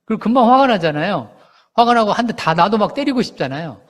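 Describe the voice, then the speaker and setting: A male pastor with a high-pitched voice delivers a conversational sermon. He keeps asking the congregation questions and answering them himself, and he acts out quoted lines in lively voices. His voice rings out with a long reverb, as in a large hall. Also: fast.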